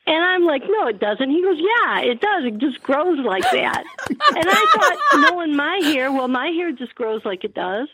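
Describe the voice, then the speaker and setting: A woman's voice: high voice, big pitch swings, moderate pace, very noisy. An older woman talking over a phone on speakerphone, chatty and rambling, laughing easily. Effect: heard over a phone on speakerphone. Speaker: guest calling in by phone. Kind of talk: casual chat.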